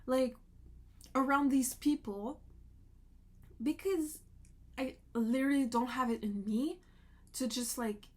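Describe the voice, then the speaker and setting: A woman vlogger telling a storytime, venting in a frustrated, emotional way and swearing often. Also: high voice.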